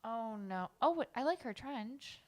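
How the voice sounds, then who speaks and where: A young woman co-hosting a podcast in casual chat, animated and incredulous, laughing often. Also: a little high, unhurried. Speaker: podcast co-host.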